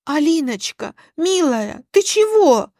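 A woman's voice: sits high, very animated, slow, darkish tone, dry recording, studio quality, voice pushed up, exaggerated voice. A woman voicing a flustered, fussy elderly aunt in a spoken story. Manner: fussing, pleading.

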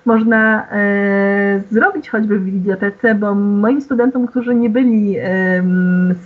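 Husky woman lecturing over thin call audio. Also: medium pitch. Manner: hesitant, many fillers; explains to the audience formally. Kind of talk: online lecture. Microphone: video call. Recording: tinny phone-like online call audio.

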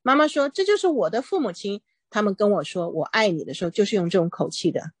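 A woman with a mid-pitched voice teaching an English reading lesson in Mandarin. She moves through the phrases and checks in with an easy OK. The sound is dry and close, with little room around it. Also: lively intonation, quick pace, slightly rough, no echo. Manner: explains English phrases in Mandarin, often says OK.

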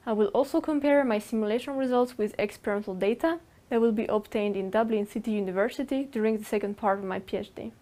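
A young woman from France, a PhD student, giving a measured, scripted self-introduction outdoors. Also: medium pitch, dark tone.

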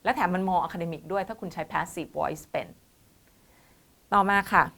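A woman's voice: fairly low pitch, measured pace, creaky, fairly bright tone. Patient woman tutoring English exam writing. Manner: calls herself "teacher" and the students "child", mixes English terms into Thai; patient and explanatory, checking in often with "see?" and "okay?". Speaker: IELTS tutor. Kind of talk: online exam-prep lesson.

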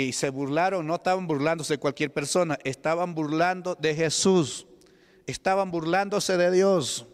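Peruvian man preaching, emphatic sermon, fairly high, smooth resonant voice, long church reverb. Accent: Peruvian Spanish. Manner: emphatic, calls out to the congregation. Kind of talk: evangelical sermon. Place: church hall.

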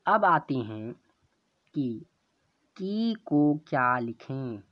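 Man teaching letters super slow, spells each sound out, dull lo-fi audio. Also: medium pitch, sing-song, dry recording. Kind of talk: slow classroom explanation.

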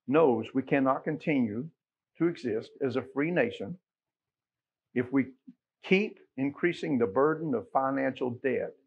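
Heard through a muffled recording, a husky-voiced, middle-aged American preacher speaks from the pulpit of a church sanctuary. His mid-range delivery is folksy and conversational, and he keeps returning to forceful rhetorical questions.

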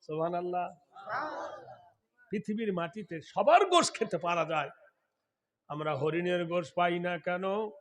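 A male Islamic preacher telling a sermon story, chanting scripture in long melodic lines and breaking into loud shouts. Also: high-pitched, animated, unhurried, pauses often.

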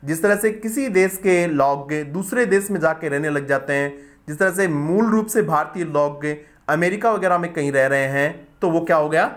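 A man from India teaching English vocabulary from newspaper editorials, speaking slowly and deliberately, spelling out words and repeating them. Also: a little high.

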